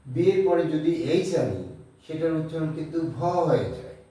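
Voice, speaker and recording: A man's voice: fairly high pitch, lively intonation, normal speed, warm tone. A man from Bangladesh who teaches English, giving a beginner pronunciation lesson and explaining patiently with questions he answers himself. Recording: echoey room, voice from a distance.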